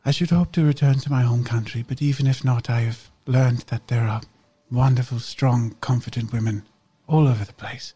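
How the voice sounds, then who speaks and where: A man voicing a gentle, polite young noblewoman far from home, speaking formally and earnestly. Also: medium pitch, steady tone, moderate pace, hardly any pauses, slightly rough, close to an everyday voice. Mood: earnest, wondering. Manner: formal, earnest and soft-spoken.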